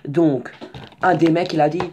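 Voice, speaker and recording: A man's voice: a little high, fairly even intonation, a little slow, a little mellow, a little hiss or hum. A young man casually telling a story in slangy, rambling speech with many restarts and asides. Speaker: vlogger.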